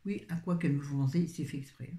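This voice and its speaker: Speaking at a quick pace in a deep, mellow voice, a woman reviews books casually for her viewers. As a book vlogger she rambles and often breaks off mid-thought. The room gives an echoey sound.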